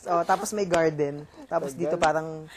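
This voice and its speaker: A young man with a Filipino accent telling a story in casual chat, halting with many fillers and restarts. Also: a little high, steady tone, crowd noise. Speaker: reality show housemate.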